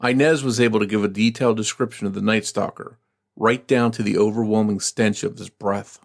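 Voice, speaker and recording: A low, gravelly man's voice with plenty of fry, co-hosting a true crime podcast. He reads case details steadily and then muses aloud, halting and restarting as he thinks. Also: fairly even intonation. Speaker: podcast co-host.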